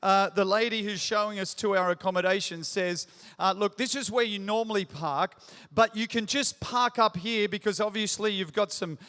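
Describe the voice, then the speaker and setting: A man in his forties preaching to a large church crowd, his voice pitched high and bright. He tells his story with self-mocking humor and builds up to punchy questions. The sound rings out with a long hall reverb. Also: moderate pace, clear, resonant tone. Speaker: pastor. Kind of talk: sermon.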